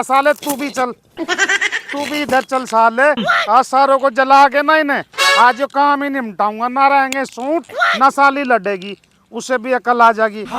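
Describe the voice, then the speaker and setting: High-voiced blustering Haryanvi man. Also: background noise. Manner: grumbling, cursing, blustering. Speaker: comic actor. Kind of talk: Haryanvi comedy sketch acting.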